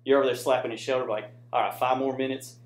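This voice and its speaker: An American man speaks quickly in a mid-range voice with little pitch movement, and a faint hiss or hum sits under the recording. He's a soldier and student presenter giving an informal slide presentation to an indoor audience, conversational and full of "right?" check-ins, in an echoey room.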